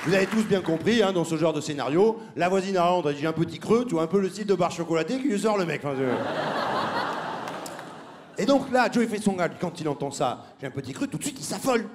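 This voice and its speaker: A man's voice: lively intonation, fast, a crowd in the background, noisy background. Man doing a mocking comic rant. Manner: mocking, acts out characters in squeaky voices, laughs often. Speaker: stand-up comedian. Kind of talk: comic monologue.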